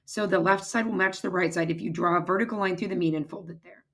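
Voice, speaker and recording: A woman with a hoarse, raspy voice that is giving out, explaining step by step as a math teacher in an informal recorded lecture. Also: on the low side, steady tone, quick pace, fairly bright tone. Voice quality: husky, raspy, strained voice. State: hoarse, losing her voice, throat-clearing.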